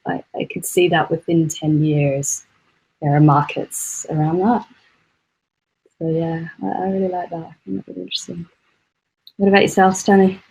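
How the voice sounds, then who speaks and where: A woman's voice: fairly low pitch, little pitch movement, moderate pace, vocal fry, pauses often, a little mellow, slightly rough, low-quality recording. A woman moderating a casual panel discussion, chatty, with frequent "like" and "sort of".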